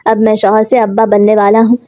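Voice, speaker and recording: A man's voice: extremely high pitch, steady tone, fairly quick, warm tone, no echo. A woman reading the lines of a young husband in a spoken story, loving at first and later harsh and scolding. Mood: overjoyed. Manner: overjoyed then harsh and scolding.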